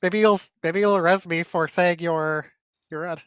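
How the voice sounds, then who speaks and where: A man with a fairly high voice speaks hesitantly and wryly during an online game. His sound is dry and close, with no room in it. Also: fairly even intonation, normal speed, fairly bright tone, clean tone, dry recording. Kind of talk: casual game chat.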